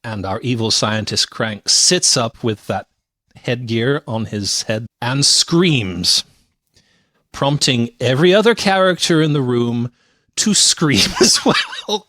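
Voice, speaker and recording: Man, podcast host, mid-pitched, animated storyteller, dry close mic. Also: unhurried, no echo. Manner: animated storyteller, recaps scenes with amused laughs. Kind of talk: casual film review chat.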